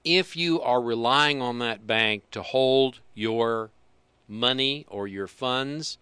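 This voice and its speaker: A man's voice: medium pitch, takes it slowly, pushed and bright, clean tone, no room sound. A man co-hosting a casual finance talk show, rambling and dryly sarcastic. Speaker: co-host.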